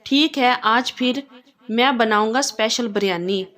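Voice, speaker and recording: Fond playful young husband, read by a woman, somewhat high voice, storybook telling. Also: a little slow, fairly bright tone. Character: affectionate teasing young husband.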